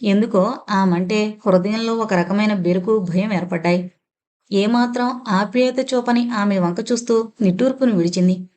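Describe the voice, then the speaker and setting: A woman narrating a family novel as an audiobook reader, in steady scripted narration. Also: medium pitch, moderate pace. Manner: steady storytelling.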